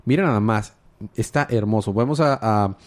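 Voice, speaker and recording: A man's voice: fairly low pitch, moderate pace. A man co-hosting a podcast, retelling a comic casually with lots of filler words and chuckles. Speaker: podcast co-host. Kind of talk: casual comic book discussion.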